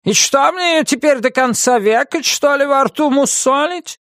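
A woman's voice: high voice, fairly bright tone, dry recording, clean studio sound, pitched above the performer's own voice. A shrieking furious old witch. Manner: shrieking, scolding, drawn-out angry words. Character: furious old female witch, shrill and scolding. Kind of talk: audiobook character voice.

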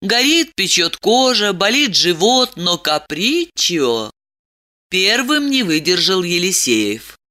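A woman narrating a novel in an expressive, dramatic storytelling manner. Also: mid-range voice, a little slow. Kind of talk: audiobook reading.

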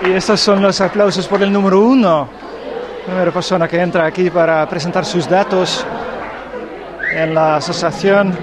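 A man's voice: high-pitched, steady tone, moderate pace. A man reporting from a street crowd, chatting and asking short direct questions. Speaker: field reporter. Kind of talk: on-location news report and street interviews. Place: outdoors on a town street among crowds.

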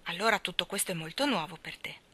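A woman voicing a cold old rich man for a storybook reading, slow and disdainful, with a bright, forceful tone. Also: lowish voice, expressive. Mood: cold, scornful. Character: old, dry, rich Englishman, cold and scornful.

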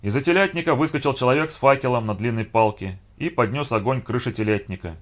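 A man narrating a first-person story in a steady, even storytelling voice. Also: medium pitch, quick pace. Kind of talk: audiobook reading of first-person prose.

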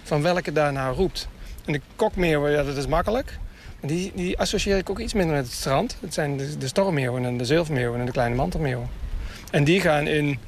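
A man chatting casually and enthusiastically outdoors for radio, explaining bird calls. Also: a little high. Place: outdoors, near water in a town. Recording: outdoor field recording with background noise. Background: gulls calling.

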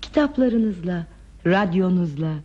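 In a Turkish radio play, an actress portrays a lonely, reflective woman who wanders without belongings. Her voice is female, on the low side, warm and expressive, and she speaks in a measured, wistful, philosophical way. The recording sounds dull and muffled.

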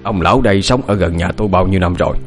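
A deep-voiced village man, played by a man, flustered and quick to agree, talking in hurried bursts. Faint music underneath. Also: lightly acted.

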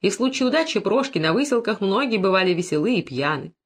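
A woman narrates classic literary prose for an audiobook. Her reading is measured and literary, at a pitch typical for a woman. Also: expressive, breathy edge. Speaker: audiobook reader.

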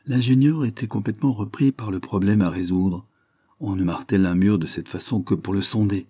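A man narrating an audiobook in a measured, literary reading style. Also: fairly low pitch, mellow, slightly rough, no echo, studio quality. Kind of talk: scripted narration.

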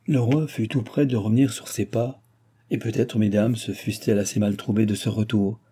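Husky low-voiced male narrator. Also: fairly even intonation, dark tone. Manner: measured, literary storytelling. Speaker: audiobook narrator. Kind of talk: scripted audiobook narration.

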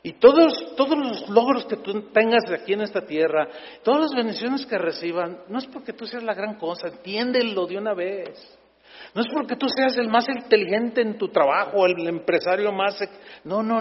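A man's voice: high-pitched, lively intonation, moderate pace. A man with a Mexican accent, a pastor preaching an emphatic, humorous sermon and calling out to the congregation. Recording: echoey dull hall sound.

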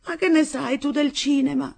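A woman's voice: sits high, steady tone, normal speed, gravelly, a little mellow, pitched above the performer's own voice. A woman voicing a lazy, mocking father who drawls scornfully, in a novel reading. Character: lazy mocking young father, sprawled in bed.

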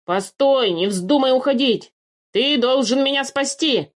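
A woman's voice: fairly high pitch, lively intonation, normal speed, a little mellow. A woman voicing a small, sly male forest changeling who chatters cheerfully and wheedles without guilt. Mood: sly insistent. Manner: chirpy, wheedling, unbothered.

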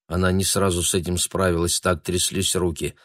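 Low-voiced male audiobook narrator. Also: no room sound, studio quality. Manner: measured, steady reading. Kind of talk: scripted narration.

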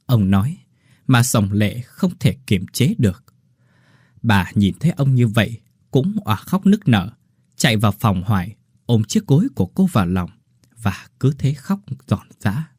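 A man reading a horror story aloud as a storyteller, with dramatic, expressive delivery. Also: on the low side, breathy edge, no room sound, studio quality. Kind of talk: scripted horror story narration.

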